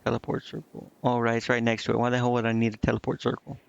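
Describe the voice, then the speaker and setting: A fast-talking man speaks in a monotone; his medium-pitched voice is creaky yet clear and resonant. He streams a game with casual commentary, reading aloud and muttering to himself frequently, over game music in muffled lo-fi audio.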